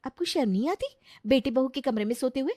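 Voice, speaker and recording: A woman voicing a spoiled, demanding young bride in a cartoon who complains in a shrill way. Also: expressive, quick pace, mellow, no room sound, studio quality. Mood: whiny complaining. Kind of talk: cartoon voice acting.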